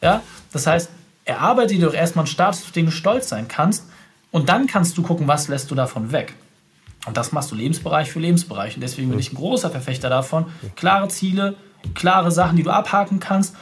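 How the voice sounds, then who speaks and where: A man with a somewhat high voice explains his ideas quickly and emphatically. He speaks to the listener directly, in the style of a business consultant giving a podcast interview.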